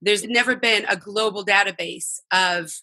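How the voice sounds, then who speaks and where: A woman's voice: mid-range voice, moderate pace, bright, forceful tone. A woman from Israel, a guest on a podcast, explaining her work with some restarts. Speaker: guest, app founder. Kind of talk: interview answers.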